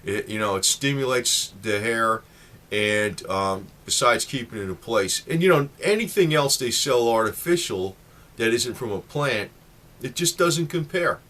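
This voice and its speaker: A man's voice: mid-range voice, lively intonation, unhurried, fairly bright tone. A man in his late fifties giving a casual, rambling talk to the camera with lots of fillers. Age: 50s. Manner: rambling, chatty, many fillers. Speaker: vlogger.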